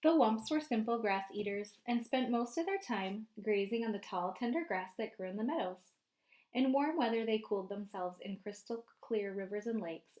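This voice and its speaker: Reading a picture book to a group of young kids, this female teacher is expressive and keeps prompting them with questions. She speaks in a mid-range voice.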